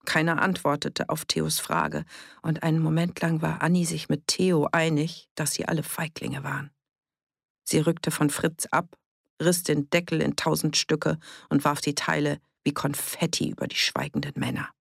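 A measured audiobook narrator with a gravelly, creaky voice. The reading is steady and scripted, recorded close in a dry booth. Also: mid-range voice, dry recording. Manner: even, measured storytelling.

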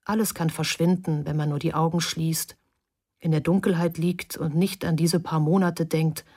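Husky woman reading an audiobook. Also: low voice, steady tone, normal speed, dark tone. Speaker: narrator. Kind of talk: audiobook narration.

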